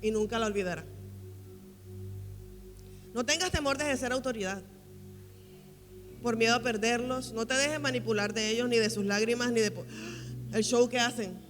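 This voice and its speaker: A woman's voice: on the high side, normal speed, long pauses. A woman pastor preaching at a women's conference. She is emphatic and repeats key phrases for weight. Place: large church hall. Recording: reverberant hall with faint music.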